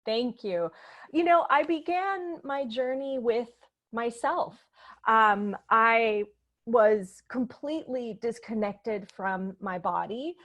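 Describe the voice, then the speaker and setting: Earnest woman coach, slightly high voice. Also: slow, fairly bright tone. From Puerto Rico. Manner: earnest, reflective storytelling. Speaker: coach and speaker. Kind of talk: stage interview. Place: convention expo venue.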